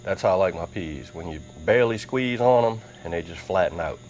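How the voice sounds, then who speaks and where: A man's voice: low voice, lively intonation, brisk, darkish tone, faint music behind, low-quality recording. A Southern man hosting a casual cooking vlog, talking in a folksy, chatty drawl. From Mississippi. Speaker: cooking channel host. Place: workshop with insects outside.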